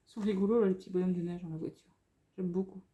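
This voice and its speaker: A French woman rambles happily through a haul in front of a camera on a tripod, gushing over every cute item. Her voice is mellow and soft-edged, full of fillers and restarts. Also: on the low side, steady tone, very fast. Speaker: craft vlogger showing a haul. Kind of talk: casual haul commentary.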